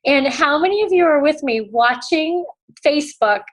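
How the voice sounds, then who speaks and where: A woman's voice: sits high, animated, normal speed, rough recording. A woman in her forties from the United States, a guest speaker on a sales team call, talking in a bubbly, effusive way with many fillers. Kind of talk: casual motivational talk. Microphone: call audio.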